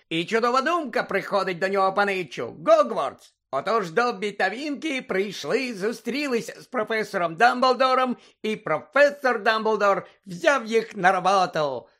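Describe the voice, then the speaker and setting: A man's voice: sits high, big pitch swings, measured pace, few pauses, sharp tone, pitched above the performer's own voice, exaggerated voice. A man voicing an eager, servile male house-elf who talks about himself in the third person and keeps addressing his listener as "sir", in an audiobook reading. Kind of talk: audiobook character voice.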